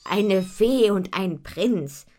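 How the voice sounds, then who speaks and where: A woman voicing a shy, doubtful farm girl in a children's audio story, a bit higher than her own voice. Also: lively intonation, drawn-out words, mellow. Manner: skeptical and hesitant.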